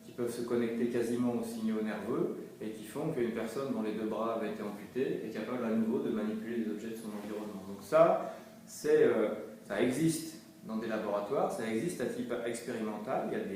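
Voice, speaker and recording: A man's voice: lowish voice, fairly quick, a little mellow. Man explaining in a very echoey room. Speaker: robotics company representative. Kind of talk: explanatory interview talk. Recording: very echoey room, distant mic, faint noise.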